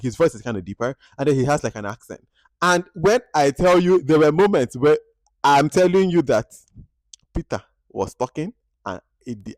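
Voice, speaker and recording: A man from Nigeria, reviewing a film at home in an animated, expressive way, jumping between loud outbursts and quiet asides. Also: medium pitch, no room sound. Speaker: movie reviewer. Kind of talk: casual movie review vlog.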